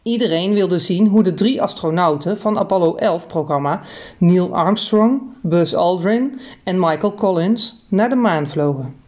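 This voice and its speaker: A woman narrating a children's story in a lively, expressive reading. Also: lowish voice, a little slow.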